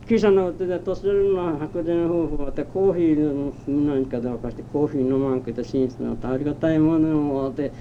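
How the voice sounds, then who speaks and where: An elderly man from Japan telling his life story as an oral history interviewee, in a rambling, halting way with old-fashioned rustic speech. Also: on the high side, steady tone. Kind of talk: reminiscing in a personal narrative. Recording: muffled, dull old tape with faint hiss. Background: faint background noise.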